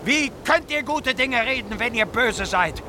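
An actor playing Jesus as a fervent, commanding preacher, reciting scripture solemnly and declaiming it in a radio play. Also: male voice, extremely high pitch, lively intonation, unhurried, noisy background. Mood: angry denunciation.

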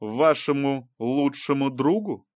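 A man reading an audiobook, voicing a mocking, aggressive female prosecutor who presses and rises to shouts. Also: medium pitch, normal speed, dry recording, close to an everyday voice.

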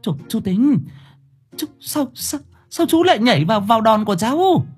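A fiery young village woman, pushed far up in pitch, quick to scold and flustered when she pleads, as a male narrator puts her on. Husky at the edges, with faint music underneath. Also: very animated, heavily acted.

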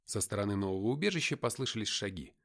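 A man's voice: lowish voice, animated, fast, gravelly. A man reading a first-person audiobook narration expressively.

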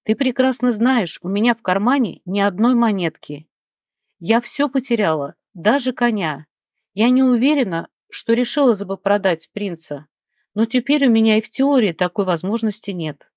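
A woman reading an audiobook and voicing a kind, quick-tempered young heroine who speaks earnestly and consolingly. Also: medium pitch, lively intonation, darkish tone, dry recording, voice pushed up, natural voice. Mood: indignant. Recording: dull, dry lo-fi recording.

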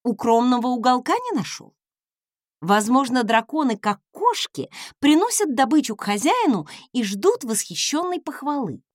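A woman's voice: high-pitched, sing-song, moderate pace, dry recording, studio quality. A woman reading a first-person audiobook with a wry, sardonic delivery. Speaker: audiobook narrator.

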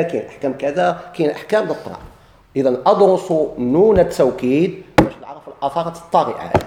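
A man's voice: fairly high pitch, a little mellow, roomy sound. A man with a Moroccan Arabic accent teaching a grammar lesson. He keeps posing questions and answering them himself.

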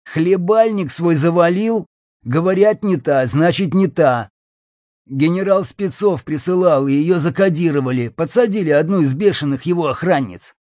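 A man's voice: a little high, lively intonation, normal speed, a little mellow, dry recording, clean studio sound, pitched above the performer's own voice, natural voice. A man reading an audiobook, voicing a coarse, jeering male gang boss. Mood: crude. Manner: crude, jeering.

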